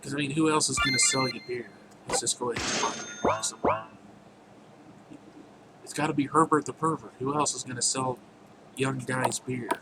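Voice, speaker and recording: A man's voice: mid-range voice, steady tone, moderate pace, pauses often. A man casually walking through his own game, rambling with jokey asides, over a noisy recording. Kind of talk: casual gameplay commentary.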